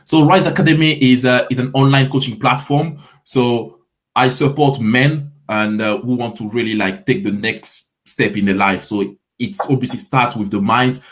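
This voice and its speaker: Speaking at a normal speed with a steady tone and medium pitch, an Ivorian fitness coach in his twenties handles interview questions warmly. He has a French accent and frequently repeats words when beginning to speak.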